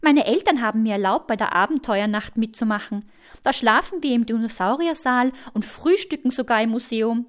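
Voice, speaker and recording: Storybook girl, curious and lively, higher voice; woman reader plays her. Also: a little fast, natural voice. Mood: eager. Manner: eager, bright. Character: curious excited young girl explorer.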